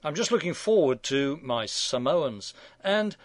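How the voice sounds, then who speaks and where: A man in his sixties reads his scripted commentary with a wry, sardonic edge. His voice sits a little high for a man, and the studio sound is close and dead, with no room echo. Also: very animated, a little slow. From England. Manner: dry, sardonic, wry asides. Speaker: radio commentary host.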